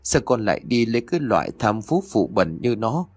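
A man reading as a grief-stricken older mother in a ghost story audiobook, tearful and scolding by turns. The voice is low but rises and falls a lot, with a dry close sound. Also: sing-song, a little fast, dry recording. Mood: wailing. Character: grieving older mother, wailing and bitter.

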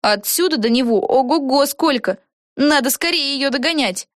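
A woman's voice: high-pitched, animated, moderate pace, dry recording, studio quality, voice pushed up. A woman voicing a brash, impatient young girl in a storybook, speaking bluntly and hurriedly in a raised voice.

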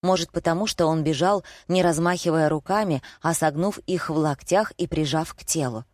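Low-voiced woman narrating an audiobook. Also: normal speed, no room sound, studio quality. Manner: lively, expressive storytelling. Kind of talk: first-person audiobook narration.

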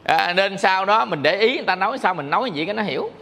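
Gravelly bright-voiced monk preaching. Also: male voice, high voice, animated, quick pace, in a large hall. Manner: conversational, asks the audience questions. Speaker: Buddhist monk teacher. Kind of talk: dharma talk.

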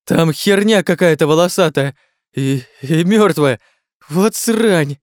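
A man voicing Klazen, a cowardly, easily frightened man who yelps and pleads in a shrill, panicky voice. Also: slow, no room sound, studio quality. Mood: panicky, pleading. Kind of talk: audiobook character voice.

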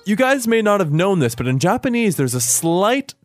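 Male podcast host, patient explainer, lively intonation, dry booth. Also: high voice, normal speed, no room sound, soft background music. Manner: patient, explains step by step with model words. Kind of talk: language lesson explanation.

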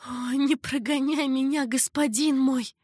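A woman's voice: high voice, steady tone, unhurried, darkish tone, husky, dry recording, studio quality, pitched above the performer's own voice. A woman voicing a passionate young concubine who pleads emotionally. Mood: pleading.

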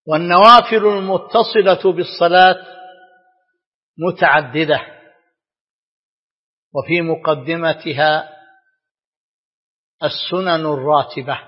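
A man giving a scripted religious lecture in formal standard Arabic, as a scholar, with measured, deliberate phrasing broken by pauses. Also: high-pitched. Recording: dull lo-fi, long hall reverb.

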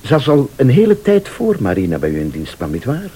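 A Flemish-accented actor voices an insistent man in a radio drama, accusing and probing deliberately, sometimes sardonic, sometimes pleading. His medium-pitched voice swoops wildly in pitch, with a warm tone and a breathy edge.

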